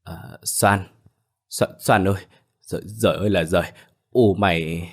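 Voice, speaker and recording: A man's voice: deep voice, steady tone, unhurried. A man voicing a distraught older village woman who speaks in sobbing, broken words.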